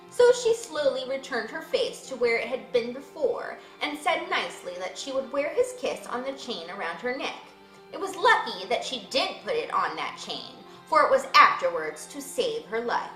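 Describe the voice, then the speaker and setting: A young woman reads a book excerpt aloud in an expressive, animated way. Her voice is high and bright. The room around her is echoey. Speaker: book reader and video host.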